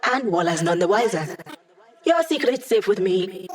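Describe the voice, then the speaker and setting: A woman's voice: mid-range voice, very animated, moderate pace, natural voice. A woman voicing a playful young female hacker in a video game, with a casual, wry, teasing manner.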